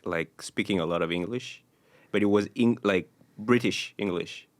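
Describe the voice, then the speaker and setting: A man's voice: low voice, moderate pace, dry recording. A man from France with a French accent, a guest in a casual podcast chat, easygoing and self-deprecating.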